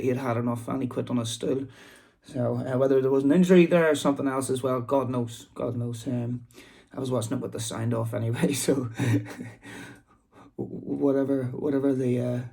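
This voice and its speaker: Gravelly, mellow Belfast man chatting casually. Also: mid-range voice. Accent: Belfast, Northern Irish. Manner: rambling, informal. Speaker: boxing vlog host. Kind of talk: casual chatty commentary to camera. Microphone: phone.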